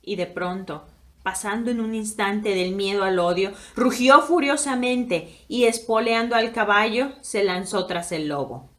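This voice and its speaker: Woman reading a spooky old story, mid voice, goes quiet then loud. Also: medium pitch. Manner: expressive, swinging between hushed and loud.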